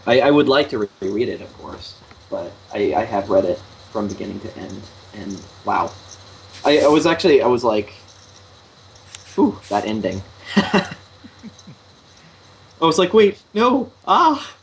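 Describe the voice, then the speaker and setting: A man chatting casually, enthusiastic and quick to laugh. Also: on the low side, animated, vocal fry, a little hiss or hum, poor audio. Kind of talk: casual group chat.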